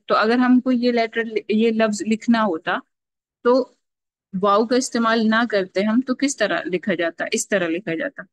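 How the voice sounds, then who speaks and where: A woman teaching a Quran recitation class, explaining patiently step by step and slowly drawing out sounds to demonstrate them. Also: fairly high pitch, no room sound. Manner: checks in often with a repeated "okay". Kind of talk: online tajweed lesson.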